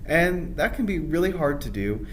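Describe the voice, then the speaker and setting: A man's voice: on the high side, big pitch swings, moderate pace. Methodical male instructor, noisy recording. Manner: methodical, explanatory, informal. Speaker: accessibility instructor. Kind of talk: screen demonstration tutorial, explanatory narration.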